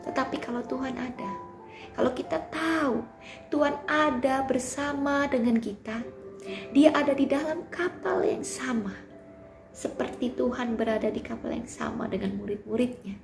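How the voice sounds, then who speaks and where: A woman preaching a sermon at a youth service, emphatic, swinging from loud declarations down to soft near-whispers. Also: high voice. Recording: roomy sound with clear music behind.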